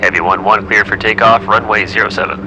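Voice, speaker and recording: A man's voice: on the low side, steady tone, fast talker, background noise. A man calling the tower as co-pilot over a cockpit headset radio, in clipped, formal radio phrasing. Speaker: co-pilot in a flight sim.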